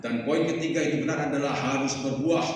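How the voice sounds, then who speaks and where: A man's voice: medium pitch, fast. A man preaching a sermon, earnestly exhorting the congregation and often addressing them directly. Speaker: pastor. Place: large church hall. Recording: echoey hall, voice from far off mic.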